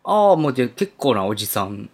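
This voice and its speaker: A man's voice: medium pitch, quick pace, a little hiss or hum. A man co-hosting a comedy podcast, mostly listening and chiming in with short reactions. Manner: steady back-channel nods with short reactions. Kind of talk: casual chat.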